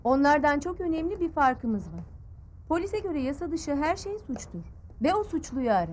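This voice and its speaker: An actress playing a composed young woman journalist explaining her work in a measured way. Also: high-pitched, sing-song, darkish tone, a little hiss or hum.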